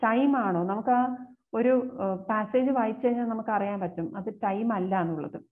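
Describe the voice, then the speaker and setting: A woman exam coach, reading each question slowly and then explaining it quickly. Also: mid-range voice. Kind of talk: explaining exam questions, mixing Malayalam and English. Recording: phone-like narrow sound.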